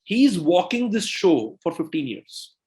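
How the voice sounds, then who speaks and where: A man from India speaking as a guest in a podcast interview. His voice is a little higher than most men's, and he talks in lively, quick bursts, checking in often with "right?" and "you know" as he tells business stories. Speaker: co-founder and CEO, podcast guest. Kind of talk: conversational interview storytelling.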